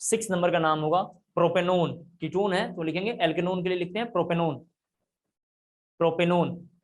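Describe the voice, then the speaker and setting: A man's voice: sits high, moderate pace. A man teaching a chemistry class, explaining step by step and repeating key points. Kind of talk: classroom lecture.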